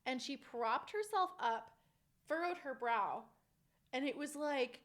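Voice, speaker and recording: A woman's voice: high voice, animated, unhurried, fairly bright tone. A young woman and mother, a podcast guest, telling personal stories candidly and often veering off topic. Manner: candid, rambling storyteller who veers off topic. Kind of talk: casual chat.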